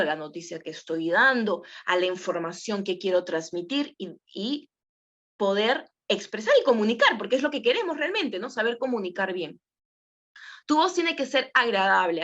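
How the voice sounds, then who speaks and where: A woman's voice: mid-range voice, a bit bright. Female voice coach giving a casual workshop lesson, often checks in with the class, muffled recording. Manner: conversational, many fillers, asks the class questions. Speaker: voice and presenting teacher.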